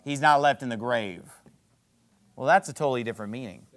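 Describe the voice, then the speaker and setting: Briskly and emphatically, a man delivers a sermon as a church pastor, his voice climbing to loud peaks and falling to low drops, with sarcastic remarks tossed in.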